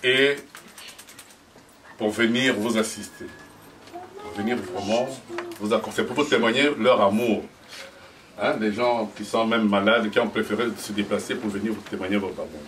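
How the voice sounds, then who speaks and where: A man's voice: on the low side, moderate pace, pauses often, a bit bright. A man leading a dowry ceremony, speaking solemnly to the bride and guests with repeated, emphatic phrases and jokes. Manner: solemn, then joking with the crowd. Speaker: ceremony officiant. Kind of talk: addressing a crowd at a dowry ceremony. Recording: distant voice in a noisy crowd.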